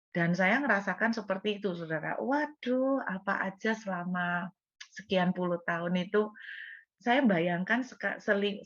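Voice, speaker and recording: A woman's voice: lowish voice, muffled recording. A middle-aged woman pastor with an East Javanese Indonesian accent, telling a personal story in a sermon and speaking straight to her congregation. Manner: storytelling, addresses congregation as Bapak Ibu.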